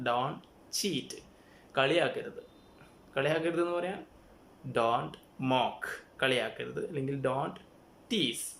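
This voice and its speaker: A man with a Malayali accent gives a spoken English lesson and drills short commands one after another. His voice has a gravelly edge. He is recorded in a room with a noticeable echo. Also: medium pitch, fairly bright tone. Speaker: English teacher.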